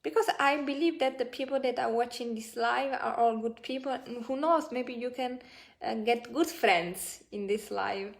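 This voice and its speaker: A woman's voice: fairly high pitch, moderate pace, gravelly. A woman in her twenties hosting a live Buddhist talk stream. She reads viewer comments aloud and answers them in a hesitant, friendly way with many fillers and restarts. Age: 20s. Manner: friendly, thanks viewers often. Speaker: Buddhist Dhamma speaker and live-stream host.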